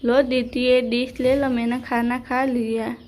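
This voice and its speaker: A sneaky male village thief in a homemade doll story, voiced by a woman narrator. The voice is high and flat, barely changed from her own. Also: measured pace, natural voice.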